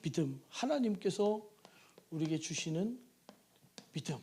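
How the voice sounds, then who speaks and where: A male pastor giving a Wednesday evening sermon in a church, emphatic, with rhetorical questions and sudden shouts. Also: high voice, lively intonation, unhurried, slight background noise. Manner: acts out prayers in a pleading sing-song. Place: church sanctuary.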